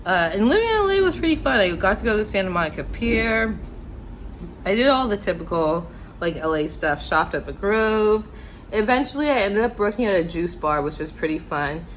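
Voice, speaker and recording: A woman's voice: mid-range voice, lively intonation, moderate pace, a little hiss or hum, low-quality recording. An American woman telling a casual, chatty, self-deprecating story to viewers while eating, her mouth sometimes full. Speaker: mukbang vlogger telling stories.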